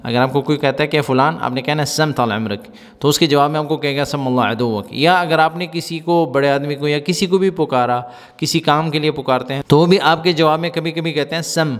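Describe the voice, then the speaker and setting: A man teaching Gulf Arabic vocabulary in Urdu, repeating each word slowly for practice. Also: fairly high pitch, fairly even intonation, in a large hall. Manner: repeats words slowly for drill.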